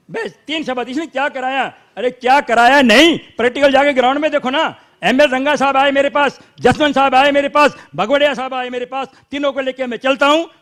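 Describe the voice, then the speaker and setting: A man with a Haryanvi accent and an extremely high, fairly bright voice argues insistently as a local supporter in a heated panel debate. He keeps interrupting to defend his side.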